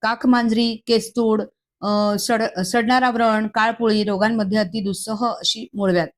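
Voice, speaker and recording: A woman's voice: fairly high pitch, fairly even intonation, measured pace. A woman reading a devotional text aloud, moving steadily through a long list with small slips and restarts. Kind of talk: reading a Marathi scripture commentary aloud.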